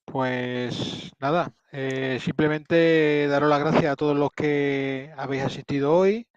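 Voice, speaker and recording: A Spanish-accented man hosts a live tech stream in a brisk, polite way and reads out viewer questions. His voice sits a little high. The audio is slightly dull and dry, like a video call. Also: steady tone, clean tone, no echo. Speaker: host.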